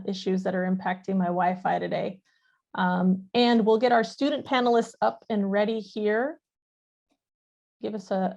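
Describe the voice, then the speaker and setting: A woman's voice: medium pitch, gravelly, darkish tone. A woman facilitating an online training session and moderating a student panel, friendly and informal. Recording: dull, muffled online call audio.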